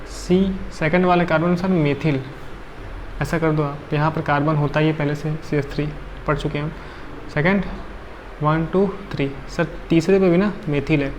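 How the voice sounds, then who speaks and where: A man's voice: fairly high pitch, steady tone, measured pace, a little hiss or hum. A male chemistry teacher, tired, lecturing a class and counting carbons aloud with frequent checks like "right?".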